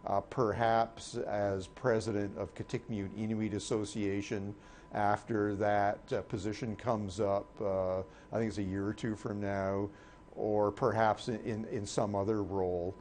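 A man giving unscripted political analysis in a halting, measured way, often repeating words. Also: lowish voice, flat delivery, a little mellow. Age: 60s. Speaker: political commentator. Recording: clear background noise.

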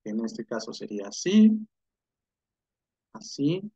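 A man's voice: mid-range voice, very animated, slow pace, dark tone, husky. A man teaching French verb conjugation in an online lesson, explaining patiently and asking the class rhetorical questions. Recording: dull lo-fi sound.

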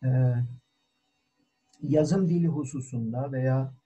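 A man who is a cultural historian giving a formal online talk, deliberate and full of hesitant fillers, heard over call audio. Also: mid-range voice, mellow, slightly rough, poor audio. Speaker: guest lecturer, cultural historian. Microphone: video call.

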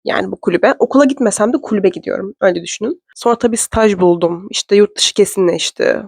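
A young woman from Turkey telling a story to camera in a chatty, fast, self-mocking way. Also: medium pitch, vocal fry, darkish tone, breathy edge, no room sound. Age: young adult. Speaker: vlogger. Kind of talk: casual storytelling vlog. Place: indoor room.

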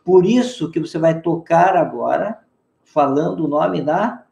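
Brazilian guitar teacher, high voice, roomy echo. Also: male voice, unhurried, creaky, dark tone. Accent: Brazilian Portuguese. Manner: coaxing, drills call-and-response, playful nicknames. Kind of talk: live online guitar lesson.

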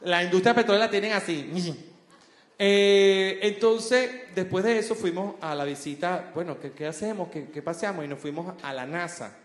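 Comedian in an echoey hall. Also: male voice, high voice, moderate pace. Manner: animated, acts out quotes with crude slang. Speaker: stand-up comedian. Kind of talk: stand-up comedy. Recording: roomy theater reverb with faint noise.

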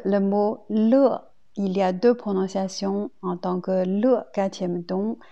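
A woman with a Chinese accent, a native Chinese speaker, teaching a language lesson slowly and deliberately, repeating each example twice. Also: mid-range voice, vocal fry, warm tone, muffled recording.

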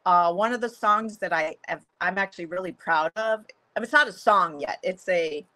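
A woman who is a photographer and songwriter appears as a guest in a casual interview over a video call from a room at home. Her voice is bright yet deeper for a woman, at a moderate pace. She is chatty, using lots of fillers and restarts, and laughs often.

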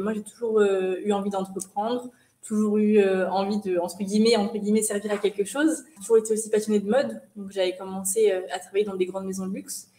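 A woman in her twenties from France, a guest entrepreneur answering interview questions over a video call in a hesitant way, with many pauses. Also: mid-range voice, dark tone, roomy sound. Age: 20s. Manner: hesitant, many fillers and restarts. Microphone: shared webcam on video call.

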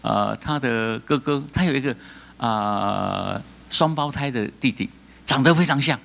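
Taiwanese guy preaching, bright forceful voice, laughs a lot, asks the crowd to fill in. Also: medium pitch, unhurried, creaky. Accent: Taiwanese Mandarin. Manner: animated, asks the congregation call-and-response questions; laughs often between remarks. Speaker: pastor. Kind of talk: sermon.

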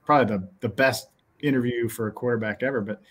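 Husky-voiced man on a podcast call. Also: medium pitch, quick pace. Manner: animated, blunt, frequent fillers. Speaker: sports podcast host. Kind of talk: casual postgame chat. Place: small indoor office. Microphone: headset on a video call.

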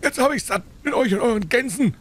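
A man voicing an angry, gruff male poultry dealer in a storybook reading, shouting in a strained, raised voice. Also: fairly high pitch, huge pitch swings, slight background noise, pitched above the performer's own voice. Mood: furious. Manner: shouting, bellowing, fast.

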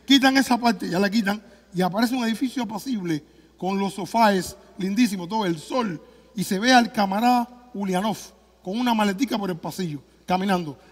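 A man with a Cuban accent doing a stand-up comedy monologue, telling the story with animated cries and sound effects. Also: high-pitched, brisk, big-room sound.

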